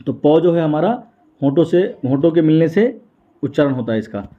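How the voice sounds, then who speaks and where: A man's voice: on the high side, moderate pace. A man teaching a Hindi exam prep lesson. He asks questions and answers them himself, repeating each point. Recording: tinny phone-like sound.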